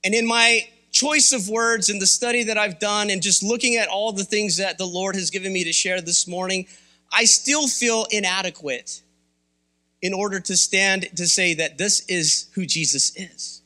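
High-voiced, bright-toned man preaching. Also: moderate pace. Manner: conversational, candid, rousing. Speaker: pastor. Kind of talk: sermon. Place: church sanctuary.

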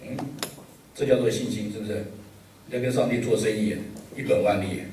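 A male pastor preaching a sermon with humor and a steady stream of rhetorical questions. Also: lowish voice, a little fast, a little hiss or hum. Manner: lively, joking, full of rhetorical questions. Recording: echoey hall, voice from a distance.

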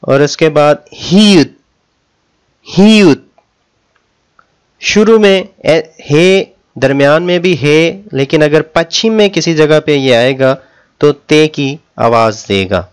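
A man teaching a Korean language lesson, speaking Urdu as his first language, with patient explanations and slow, drawn-out pronunciation drills. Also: on the high side, clean tone.

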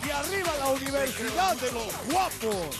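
High-pitched Mexican lucha libre announcer man. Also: lively intonation, recorded from a distance. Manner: exclamatory, repeats words for emphasis, drawn-out shouts. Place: ringside at a packed outdoor arena. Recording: loud live arena broadcast with music.

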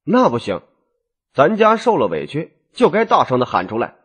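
A calm, shrewd nobleman husband, as a male narrator voices him talks in an easy, coaxing way. His husky voice rises and falls in a lively way. Audiobook storytelling. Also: a little high, moderate pace, exaggerated voice. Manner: easygoing, coaxing persuasion.

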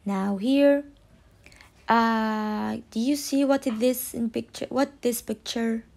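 A woman's voice: a little high, fairly even intonation, slow, vocal fry, darkish tone. A woman teacher teaching a young child to count, using simple short phrases, prompting questions and stressed key words. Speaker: kindergarten teacher. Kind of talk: early-years counting lesson for children. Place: voice-over on a screen-recorded slide lesson.

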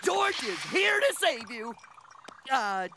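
High-pitched goofy George of the Jungle. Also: male voice, big pitch swings, slow, very noisy, full character voice. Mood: cheerful, heroic. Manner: goofy, earnest, speaks in third person. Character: dim-witted, eager, friendly jungle king. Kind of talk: animated cartoon acting. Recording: very loud cartoon music behind.

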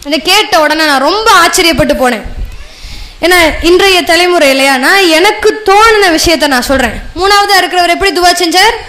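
High-voiced woman telling a religious story. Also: a bit bright. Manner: conversational, acts out story voices. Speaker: Islamic speaker. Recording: faint background noise.

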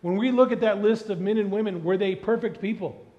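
A middle-aged man preaching a sermon on a church stage, animated and asking the congregation questions. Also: high-pitched, fairly quick. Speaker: pastor. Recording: dull sound with long hall reverb.

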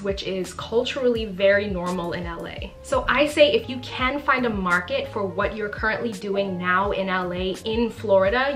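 Brief chatty, emphatic woman in her twenties from the Bahamas, vlogging to camera at close range, faint music underneath. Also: medium pitch. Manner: chatty and emphatic, often says literally. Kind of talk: casual talking-to-camera vlog. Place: small bright living room indoors.

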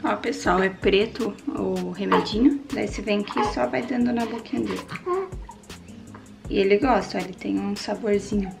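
A woman's voice: mid-range voice, fairly even intonation, moderate pace, creaky. A young mother, chatting casually at home and doting on her baby. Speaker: mother and vlogger. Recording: background music.

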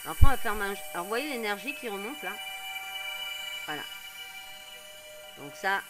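A hoarse woman streaming a life-sim game, explaining each step casually with lots of fillers. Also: mid-range voice, very animated, normal speed, loud music behind the voice. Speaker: gaming streamer. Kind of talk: casual gameplay commentary.

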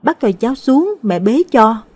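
A woman voicing a frightened, possessed four-year-old boy who whines and pleads in a high voice. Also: sing-song, a little slow, a little mellow, slightly rough, dry recording, full character voice. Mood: whining. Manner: whiny, pleading, high-pitched.

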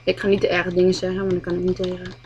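A woman muttering commentary while playing a game, swearing a lot and often speaking quietly. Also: fairly low pitch, completely flat delivery, rapid-fire, lo-fi sound, slight background noise. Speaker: gamer. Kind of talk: gameplay commentary.

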